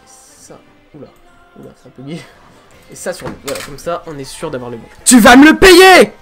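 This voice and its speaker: Un jeune homme youtubeur, bavard et autodérisoire, qui explique son doublage amateur au micro de bureau, chez lui le soir. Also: male voice, mid-range voice, fairly quick, faint music behind. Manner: chatty, self-deprecating, excited. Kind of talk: casual amateur dubbing vlog. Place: room at home, late at night. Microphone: desk microphone.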